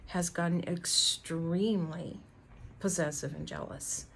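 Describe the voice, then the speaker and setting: A middle-aged woman with a low voice talks casually to the camera from a small front porch. She rambles along conversationally, leaving trailing pauses, with some outdoor noise behind her. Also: fairly even intonation, creaky. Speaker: vlogger. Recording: noticeable outdoor background noise. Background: outdoor ambience.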